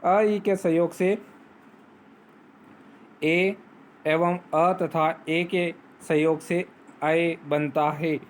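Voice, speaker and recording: A man teaching a grammar lesson, explaining step by step, asking questions and answering them himself, and reciting rules slowly. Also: a little high, steady tone, slight background noise. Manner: recites Sanskrit sutras slowly. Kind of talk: Hindi grammar lesson on phonetics.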